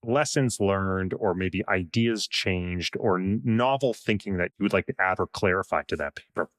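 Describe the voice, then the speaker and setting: A man's voice: deep voice, normal speed, fairly bright tone. A man hosting a podcast interview, asking questions in a courteous way. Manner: courteous, wrapping up with a set closing question. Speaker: podcast host.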